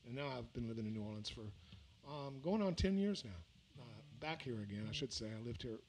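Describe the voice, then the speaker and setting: This older male musician, from Mississippi but raised in Louisiana, rambles between songs during a livestream from a small indoor music venue. He talks relaxed and fairly quick in a mid-range voice, full of fillers and restarts, into a stand-mounted vocal mic. The recording is rough.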